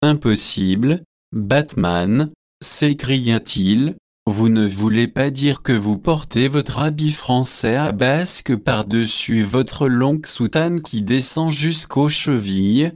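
A man's voice: medium pitch, slow pace, no echo, studio quality, natural voice. A man reading as a wry, teasing young man. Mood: incredulous.

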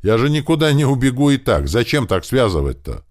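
A man's voice: mid-range voice, big pitch swings, brisk, darkish tone, dry recording, clean studio sound, pitched above the performer's own voice, close to an everyday voice. A man voicing a terrified, bound young man who whines and begs for his life in a raised voice. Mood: panicked. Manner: panicked, whining, pleading.

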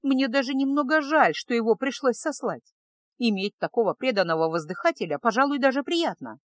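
A woman's voice: fairly high pitch, animated, brisk, no room sound, voice pushed up, natural voice. A woman voicing a haughty young princess in an audiobook, boastful and pleased with herself. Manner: boastful, self-satisfied.

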